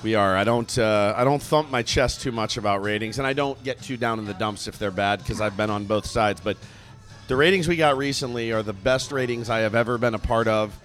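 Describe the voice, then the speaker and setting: A male radio host in his thirties chatting casually and telling stories with lively put-on voices. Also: lowish voice, fairly quick, faint music behind. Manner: animated storyteller, mimics voices when venting. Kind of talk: casual chat.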